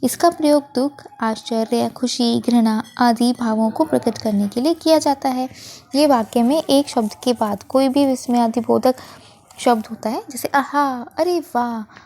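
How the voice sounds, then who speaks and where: A warm, fairly high-voiced woman teaches children a worksheet lesson, explaining everything slowly and patiently. Self-corrections come up often along the way.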